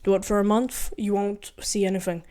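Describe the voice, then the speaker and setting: A young Ukrainian man with a mixed Ukrainian and Norwegian accent offers casual advice in a vlog, speaking briskly in a high, level, darkish voice. He rambles earnestly, often correcting himself and going back over his points.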